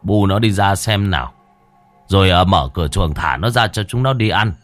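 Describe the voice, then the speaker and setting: A man voicing a gruff, irritable middle-aged village husband who scolds in curt sentences. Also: low voice, normal speed, no echo, soft background music, lightly acted.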